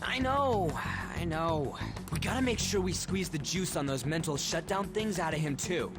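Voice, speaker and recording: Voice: medium pitch, expressive, moderate pace, loud music behind the voice, close to an everyday voice. An actor playing a brash, hot-headed, impatient teenage boy with slangy delivery in an anime-style game.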